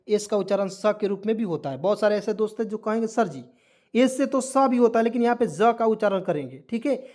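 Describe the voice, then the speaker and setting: A man's voice: sits high, a little mellow. Fields: Sex: man. Role: English teacher. Style: lesson. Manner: repetitive, questioning, drilling. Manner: drills words, repeats questions to viewers.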